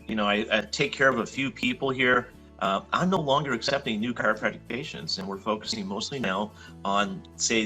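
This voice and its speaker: A man's voice: on the low side, bright, forceful tone, breathy edge, poor audio. A middle-aged man from Hawaii, a chiropractor, talking casually as a guest in an interview, easygoing and rambling with lots of fillers.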